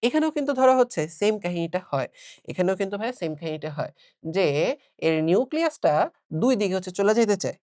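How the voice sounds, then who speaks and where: A man's voice: high voice, a little mellow, no echo, studio quality. A young man with a Bangladeshi Bengali accent giving a casual exam-prep biology lecture, chatty, asking and answering his own questions. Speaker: online biology teacher.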